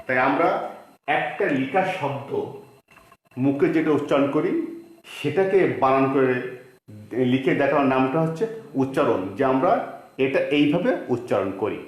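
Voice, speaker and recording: A man with a Bangladeshi Bengali accent teaching a grammar lesson, explaining slowly, repeating words and asking rhetorical questions. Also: medium pitch, lively intonation. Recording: very echoey room.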